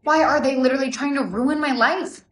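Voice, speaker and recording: A young woman acting out her own part in POV comedy skits, expressive and sassy. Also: high-pitched, brisk. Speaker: comedy skit creator. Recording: roomy echo.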